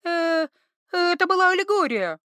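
A woman voicing a soft-hearted young female herbalist who talks in a high, pleading, excitable way. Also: moderate pace, dry recording, heavily acted.

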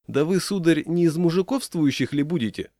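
A man's voice: medium pitch, sing-song, normal speed, darkish tone, no room sound, clean studio sound, close to an everyday voice. A man voicing a village schoolteacher who speaks in a mocking, ironic way. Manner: mocking, ironic, mannered speech.

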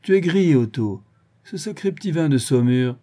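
A man's voice: mid-range voice, animated, normal speed, warm tone, slightly rough. A man voicing a drunk, mocking middle-aged villain who taunts his captive in an audiobook. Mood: sly scheming. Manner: sneering, jovial, taunting. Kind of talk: audiobook character voice.

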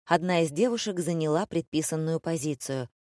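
A woman reading a first-person audiobook with an ironic, lively storytelling manner. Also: low-pitched, fairly quick, dry recording, studio quality. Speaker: audiobook narrator.

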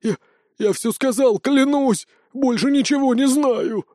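A man's voice: sits high, moderate pace, dark tone, dry recording, studio quality, voice pushed up. A man voicing a frightened male villain, a lord of beetles, who pleads and begs in an audiobook. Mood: begging. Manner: pleading, panicky. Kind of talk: audiobook character voice.

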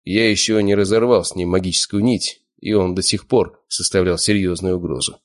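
Deep-voiced male audiobook narrator. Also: steady tone, normal speed. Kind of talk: scripted narration.

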